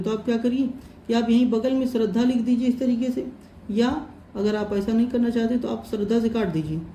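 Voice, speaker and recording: A man's voice: high-pitched, dark tone. A man teaching shorthand in a patient, step-by-step way, repeating each point and calling his listeners friends. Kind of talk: step-by-step tutorial explanation. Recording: roomy echo, faint background noise.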